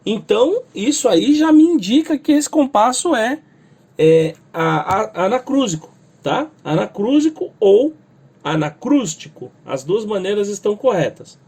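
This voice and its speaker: A man's voice: high voice, very animated, a little mellow, breathy edge. A man with a Brazilian Portuguese accent teaching music theory, explaining step by step and checking in with "tá?" and "né?". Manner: explains step by step, adds "tá?" and "né?" after nearly every phrase; sings or spells out lyrics slowly to show stress. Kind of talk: spoken music lesson.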